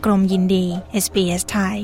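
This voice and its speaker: A woman's voice: normal speed, a little mellow, soft background music. A woman narrating a scripted news feature as a radio presenter, formal and carefully enunciated.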